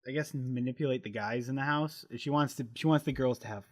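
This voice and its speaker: A man's voice: medium pitch, brisk. A man co-hosting a podcast in casual chat, with dry, teasing banter. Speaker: podcast co-host.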